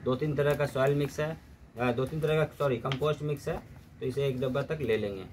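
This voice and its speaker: A man giving a steady, step-by-step gardening demonstration, often mixing English terms into his explanations. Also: medium pitch, a little fast, a little hiss or hum. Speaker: gardening instructor.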